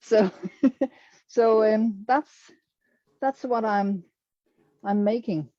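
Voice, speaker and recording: This middle-aged quilter from Denmark talks extremely slowly in a dark, mid-range voice while showing her quilts to an online audience. Her English is hesitant and Danish-accented, often reaching for words; the recording is muffled with no echo.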